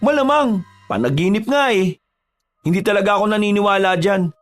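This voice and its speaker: A man voicing a panicked teenage boy, Brenda's younger brother, in an audio horror story, with a high, strained boyish voice. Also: fairly quick, soft background music, close to an everyday voice. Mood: teasing.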